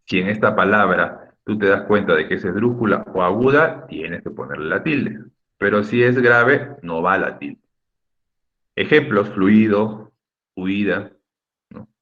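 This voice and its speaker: A man's voice: on the low side, a little slow, lo-fi sound. A man teaching an online class, explaining patiently, repeating key points and checking in with his students. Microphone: video call.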